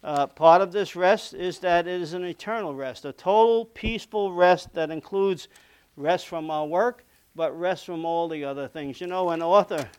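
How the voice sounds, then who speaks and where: A man's voice: high-pitched, normal speed, a little mellow, smooth. A man preaching a sermon in an earnest, conversational way, often checking in with "okay?", and saying he is losing his voice.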